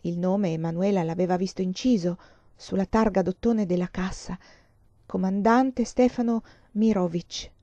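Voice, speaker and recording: A woman's voice: medium pitch, normal speed, dark tone, no echo, dull audio. A woman reading a novel aloud, narrating expressively, her voice swelling with the drama. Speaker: audiobook reader.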